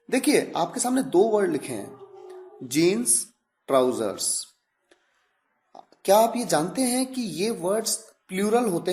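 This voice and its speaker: A man giving a recorded grammar lecture, explaining patiently, repeating examples and drawing out sample phrases slowly. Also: sits high, darkish tone. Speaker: English grammar teacher.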